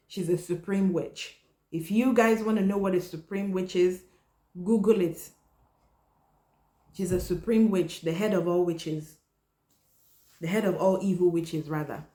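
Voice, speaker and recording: A woman hosting a podcast, telling a personal story in a blunt, candid way and often dropping her voice low. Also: mellow. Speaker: podcast host. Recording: roomy echo.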